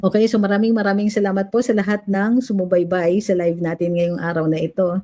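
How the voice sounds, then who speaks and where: A woman's voice: mid-range voice, little pitch movement, fairly quick, dark tone. A woman with a Filipino accent hosting a casual livestream, reading viewer comments aloud and chatting between Filipino and English. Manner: switches between Filipino and English, coos at her dog. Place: home room with a fan.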